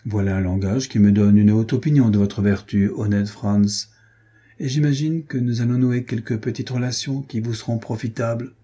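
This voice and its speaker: A man voicing a sly, scheming male captain in an audiobook, speaking in a measured way. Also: on the low side, fairly even intonation, dark tone, breathy edge.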